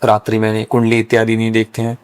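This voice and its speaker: A man's voice: fairly low pitch, completely flat delivery, very fast, clear, resonant tone. A young man, a priest by calling, explaining at length and earnestly in a casual podcast conversation. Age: young adult. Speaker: guest, young Brahmin priest.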